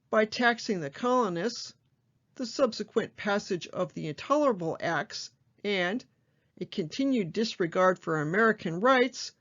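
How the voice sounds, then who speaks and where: A woman librarian hosting a book show, reading reviews aloud in a measured way with small asides. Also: mid-range voice. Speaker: librarian host. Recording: dull lo-fi sound.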